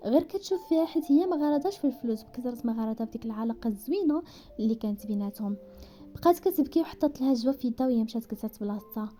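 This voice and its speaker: Fast-talking Moroccan woman storyteller. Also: on the high side, faint music behind. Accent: Moroccan Darija. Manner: rapid, animated reading that slips into characters' voices. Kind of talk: narrated romance story with voiced dialogue.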